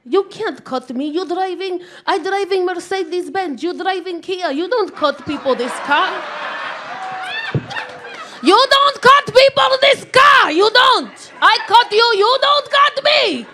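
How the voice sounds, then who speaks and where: Old woman driver, angry, yelling, broken English, put-on Armenian accent, as a woman comic plays her. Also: very high-pitched, lively intonation, a little slow, voice pushed up, heavily acted. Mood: furious scolding. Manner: loud, broken English, scolding. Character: irate older immigrant woman driver, shouting.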